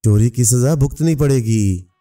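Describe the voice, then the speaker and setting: A man's voice: medium pitch, a little slow, dark tone, natural voice. A man voicing a stubborn, solemn poor dervish who defies a king in a storybook tale. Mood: defiant. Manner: defiant, solemn. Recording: distant mic, faint music.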